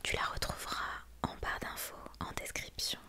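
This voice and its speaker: A young woman whispers closely in a breathy voice, chatting intimately and unscripted to one listener in an ASMR style. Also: normal speed, pushed and bright. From France. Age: young adult. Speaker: ASMR creator and vlogger. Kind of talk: whispered ASMR casual chat.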